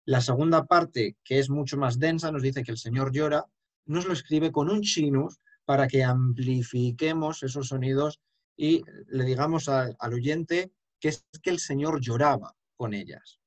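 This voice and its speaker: Man, chant teacher, lecturing, emphatic, slow and deliberate. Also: medium pitch. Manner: explanatory, emphatic, breaks into chant. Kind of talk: lecture with sung examples.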